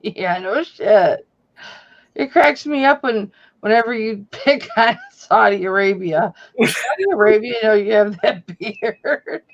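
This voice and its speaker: A woman's voice: medium pitch, measured pace, dull audio. A woman chatting and teasing on a casual live stream, laughing often. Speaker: guest on a reseller live stream. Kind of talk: casual joking chat.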